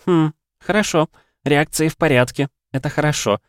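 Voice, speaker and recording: A man's voice: fairly high pitch, moderate pace, dry recording, clean studio sound, voice pushed up, natural voice. A man reading an audiobook, voicing a weary, commanding woman doctor who barks reprimands. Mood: brisk. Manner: barking, reprimanding.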